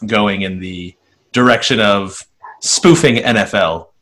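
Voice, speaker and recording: A man's voice: on the low side, a bit bright. A man in his late twenties co-hosting a podcast, rambling casually and joking at his own expense. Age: 20s. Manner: rambling, self-mocking, quick to laugh. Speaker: podcast co-host. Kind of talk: casual chat.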